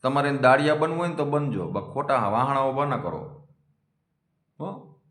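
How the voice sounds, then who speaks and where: A man's voice: mid-range voice, normal speed, a bit bright. Defiant man in an echoey room. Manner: defiant, scolding, challenging. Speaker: community vlogger. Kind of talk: confrontational monologue.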